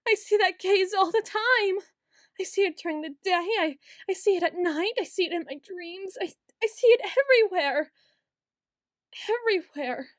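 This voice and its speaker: A woman's voice: very high-pitched, normal speed, no room sound, studio quality. A woman playing a paranoid, obsessive young yandere student in an ASMR role-play, stammering, pleading and accusing as she repeats her words insistently. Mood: fearful, pleading. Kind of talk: ASMR role-play monologue, acted straight to the listener.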